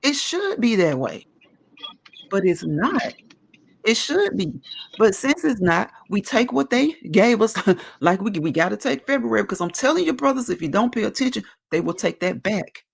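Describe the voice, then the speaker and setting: A woman's voice: mid-range voice, sing-song, moderate pace, creaky, slightly rough. A woman in her forties talking at length in a casual discussion, earnest and emphatic as she explains her views. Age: 40s.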